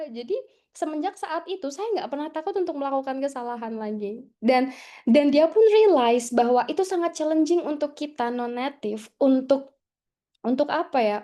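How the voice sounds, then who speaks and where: A young woman from Indonesia talks to a class of students in a chatty storytelling way. She uses many tag fillers and slips English words into her speech. Her voice is high and soft, with a mellow tone. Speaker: guest speaker at an English class.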